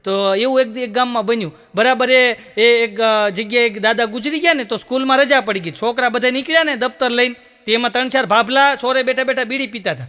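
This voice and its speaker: A man's voice: extremely high pitch, fairly quick, few pauses, bright, forceful tone, clean tone. A man telling stage jokes, acting out the lines of each character and laughing between punchlines. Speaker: stand-up comedian. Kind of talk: Gujarati joke-telling stage show. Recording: long hall reverb.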